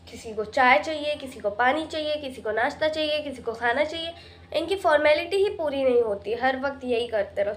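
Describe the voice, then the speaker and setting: Brief: fussing daughter-in-law and mother in a home skit, played by a woman, high voice. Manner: grumbling, fussing over chores. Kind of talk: comic family skit.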